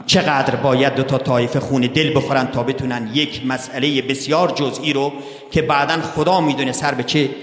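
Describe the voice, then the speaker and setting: A man's voice: mid-range voice, steady tone. Preaching man in an echoey hall. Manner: asks and answers his own rhetorical questions; addresses listeners as brothers and sisters. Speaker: religious speaker. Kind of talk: sermon. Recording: echoey hall with long reverb.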